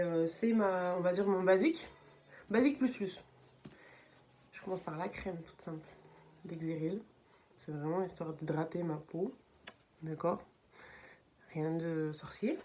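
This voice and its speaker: A woman's voice: fairly low pitch, unhurried, long pauses, mellow, a little hiss or hum. A young woman hosting a casual makeup tutorial vlog, chatting and explaining each step with frequent fillers. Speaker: beauty vlogger.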